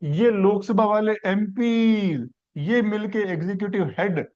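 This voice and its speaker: A man's voice: sits high, fairly even intonation, slow pace, a little mellow, highs cut off. A man teaching a civics class, asking questions and building the answer step by step through simple examples. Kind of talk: classroom lecture.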